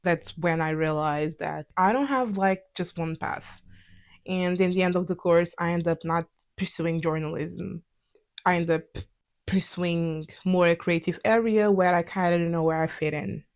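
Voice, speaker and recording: Speaking unhurriedly in a low-leaning voice, this vlog host is a young woman whose native language is Portuguese, and her accent shows it. She's candid and reflective, keeping things conversational.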